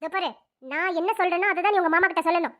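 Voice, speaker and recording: A woman voicing a distraught mother in a cartoon, wailing and scolding in a tearful, shrill voice. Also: fairly even intonation, racing, sharp tone. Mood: wailing angry. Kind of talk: cartoon voice acting.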